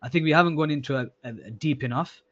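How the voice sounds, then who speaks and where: A man's voice: on the high side, fast. Guy mentoring a student on a call review, repeats himself a lot, kinda dull audio. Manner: casual, repeats words, calls listener akhi. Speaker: sales mentor. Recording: slightly dull lo-fi sound.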